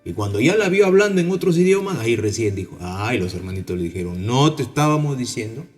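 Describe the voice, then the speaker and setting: A man's voice: lowish voice, fast talker, faint music behind. A man with a Peruvian accent preaching a sermon, telling stories and acting out the voices of the people in them. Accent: Peruvian Spanish. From Peru. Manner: animated storytelling, acting out voices. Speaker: pastor.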